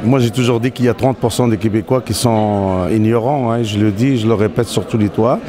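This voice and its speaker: A man's voice: on the low side, fairly quick, crowd noise. A man from Morocco, speaking in an interview with many fillers and restarts. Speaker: interviewee, company CEO. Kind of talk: casual interview conversation. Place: outdoors in a city.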